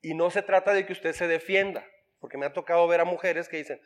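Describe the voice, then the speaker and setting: A man preaching a sermon, telling a story lively and acting out what people say, with fillers. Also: on the high side, quick pace. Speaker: pastor.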